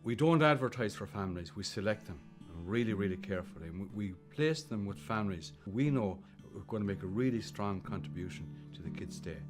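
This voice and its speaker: An older man with a fairly low voice speaks earnestly for a promotional video, with music playing under him. He is measured and stresses his key words. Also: lively intonation. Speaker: academy director. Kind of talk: promotional interview.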